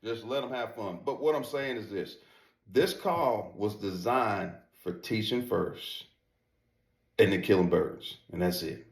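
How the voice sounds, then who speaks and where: A man's voice: fairly low pitch, unhurried. A man giving a casual product demonstration in an emphatic, folksy way, often repeating his phrases. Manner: emphatic, repetitive, folksy informal talk. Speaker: presenter reviewing duck calls. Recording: roomy echo.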